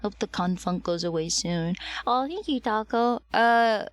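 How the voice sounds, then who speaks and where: A woman's voice: mid-range voice, a little slow. A woman livestreamer chatting casually and affectionately with her viewers, her voice slightly strained and recovering.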